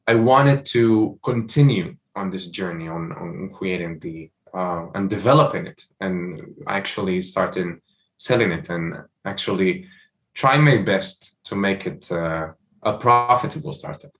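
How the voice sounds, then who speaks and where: A man's voice: low voice, measured pace, fairly bright tone. A young man from Morocco, a startup founder, answering interview questions with many fillers and restarts.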